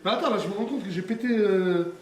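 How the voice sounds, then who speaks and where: A man's voice: high voice, fast talker, distant mic. A man telling a personal story on a live stream in casual slang, emphatic and acting out moments. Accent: French slang with Arabic loanwords. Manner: emphatic, acts out shouts and crying in the retelling. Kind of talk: casual storytelling among friends. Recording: roomy live stream audio from off-mic.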